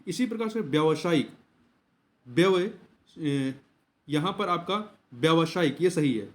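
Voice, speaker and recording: A man with an expressive, somewhat high voice speaks a little slowly while explaining Hindi exam answers. He works through the questions one by one, repeating key words and asking and answering his own questions.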